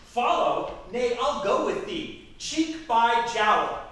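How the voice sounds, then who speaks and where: Man acting a very high-voiced, combative Demetrius. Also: lively intonation, takes it slowly, a bit bright, exaggerated voice. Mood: defiant. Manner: theatrical, challenging stage delivery. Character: combative, jealous young Athenian rival suitor. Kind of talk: staged reading of Shakespearean comedy. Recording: echoey room from far off, faint noise.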